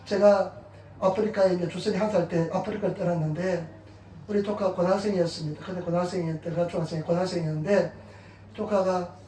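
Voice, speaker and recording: A middle-aged man preaches in a church, recounting his own stories with animated energy and an occasional chuckle. His voice sits high for a man. The sound carries the echo of a church hall, picked up from a distance. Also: fast talker, a little hiss or hum. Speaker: pastor. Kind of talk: sermon with personal testimony. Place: church sanctuary.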